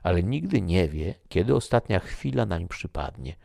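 Audiobook figure: man reading as a solemn soldier, low gravelly voice, slow and measured, dry studio. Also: sing-song, mellow, no echo, heavily acted. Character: grave, fatalistic male soldier.

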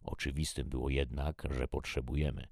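Very deep gravelly male audiobook reader. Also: level tone, normal speed, darkish tone, no echo, clean studio sound. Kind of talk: first-person audiobook narration.

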